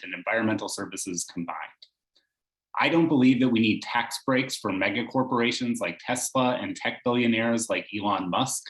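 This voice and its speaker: Man candidate, earnest steady campaign pitch, lowish voice, echoey room on a call.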